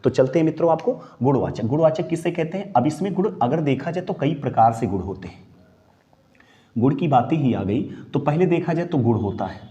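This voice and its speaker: A man's voice: a little high, expressive, brisk, dark tone, dull audio. A man teaching a grammar lesson, calling viewers his friends and posing questions that he answers himself.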